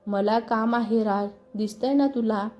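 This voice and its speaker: A woman's voice: a little high, fairly even intonation, a little slow, darkish tone, lightly acted. Woman voicing a sulky young wife. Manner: curt, defensive replies.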